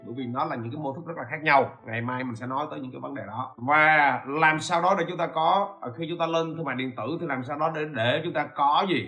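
A man's voice: a little high, pushed and bright. A man hosts a podcast lesson, explaining step by step and often stopping to ask listeners if they follow. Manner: asks rhetorical questions and checks in with listeners. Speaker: podcast host teaching e-commerce. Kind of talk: informal spoken lecture.

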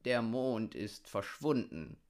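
A man voicing a wise old male raven who speaks slowly and solemnly in a storybook. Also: mid-range voice, expressive, darkish tone.

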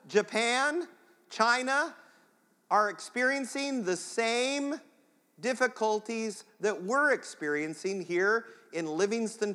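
A man's voice: extremely high pitch, a bit bright, big-room sound. A man preaching a sermon as pastor, chatting straight to the congregation in a conversational way.

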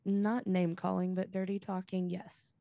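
A woman's voice: on the low side, flat delivery, unhurried, vocal fry, warm tone, no room sound, dull audio. Giggly thirties woman in dry sound. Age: 30s. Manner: giggly, a bit nervous, hesitant. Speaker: interview guest. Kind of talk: candid conversation.

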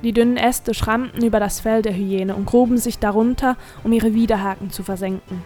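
A woman reading a fantasy story aloud as narrator, in a measured, expressive storytelling manner. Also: on the high side, faint music behind. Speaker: audiobook narrator. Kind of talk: scripted narration.

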